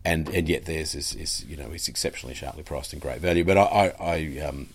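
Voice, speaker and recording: A man with an extremely low, deep voice, co-hosting a podcast. He chats casually and rambles, looping back through restarts as he talks. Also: a little fast, breathy edge. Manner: rambling, full of restarts and fillers. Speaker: podcast co-host. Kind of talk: casual chat.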